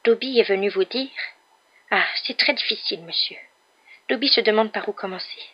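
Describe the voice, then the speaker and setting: A woman voicing a small male house-elf with a high, squeaky, humble voice, servile and tearful, in an audiobook reading. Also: moderate pace, slightly rough, highs cut off, lightly acted. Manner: humble, overexcited, sobbing outbursts. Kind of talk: audiobook character voice.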